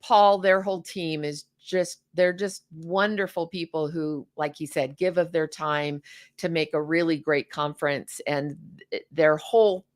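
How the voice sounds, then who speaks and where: A woman's voice: deep voice, steady tone, unhurried, no echo. Chatty woman host, dry close sound. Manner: chatty, effusive, many fillers. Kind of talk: casual online show hosting.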